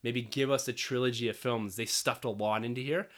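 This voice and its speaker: A man hosting a casual film review chat, his raspy voice hoarse from a cold and breaking into squeaks. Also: steady tone, a little fast, fairly bright tone. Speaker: podcast film review host.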